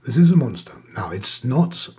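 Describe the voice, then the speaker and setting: A man giving a casual, hesitant watch show-and-tell, his voice husky, thick and strained from a sore, swollen throat. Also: mid-range voice, sing-song, moderate pace, warm tone. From Denmark. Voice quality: husky, raspy. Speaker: watch reviewer.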